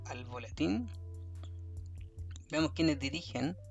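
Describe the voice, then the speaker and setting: A man's voice: a little high, expressive, slow pace, vocal fry, highs cut off, faint music behind. A man thinking aloud in a casual screen review, often exclaiming in mock dismay. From Chile. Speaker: history vlogger.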